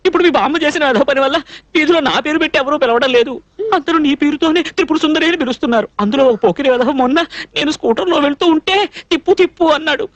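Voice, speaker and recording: High-voiced, jumpy young male cook, naive and bumbling, quick talker, film dub. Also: no echo, muffled recording. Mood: earnest. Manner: rapid, lively, fussy talk with high sing-song pitch jumps. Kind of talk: dubbed film dialogue.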